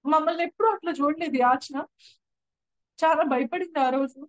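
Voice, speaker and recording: A woman's voice: sits high, a little fast, dry recording, poor audio. A young woman giving an earnest personal testimony at a prayer house, often repeating and restarting her phrases. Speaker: church testimony speaker.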